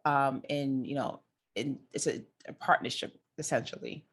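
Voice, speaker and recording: A woman with a low-pitched voice hosts her own podcast, talking casually and directly to her listeners. Her New York accent carries Caribbean touches, and she often restarts and repeats words as she goes. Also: steady tone, moderate pace, husky. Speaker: podcast host. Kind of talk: casual solo podcast talk. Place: indoors near a busy city street.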